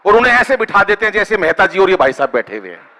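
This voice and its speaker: A man's voice: high voice, big pitch swings, fast, sharp tone, in a large hall, rough recording. A man from Haryana, performing comic poetry on a live stage and bantering with the crowd to draw applause. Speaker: comic poet. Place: live stage before an audience.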